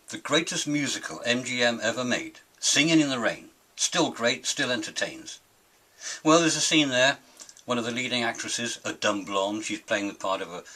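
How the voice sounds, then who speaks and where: An older man with a raspy voice delivering a grumpy, indignant, emphatic rant as an opinionated monologue. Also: fairly low pitch, sharp tone. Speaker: opinionated film critic and host of his own show.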